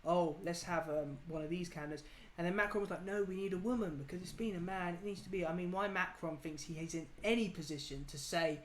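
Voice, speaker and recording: A man's voice: high voice, fast talker, hardly any pauses, a bit bright. A man from England arguing political opinions in a casual debate, emphatic and ranting. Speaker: political talk show host. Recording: echoey room with faint noise.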